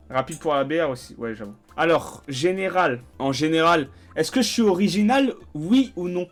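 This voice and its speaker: Young streamer guy, slangy and animated. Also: fairly high pitch. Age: young adult. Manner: animated, slangy, swearing freely. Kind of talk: casual let's-play commentary.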